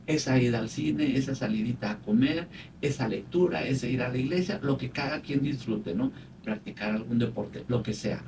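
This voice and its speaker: A man, a psychologist, calmly explaining anxiety in a podcast conversation. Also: medium pitch, normal speed. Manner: calm, explanatory, retells patients' words. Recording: faint noise, distant from mic.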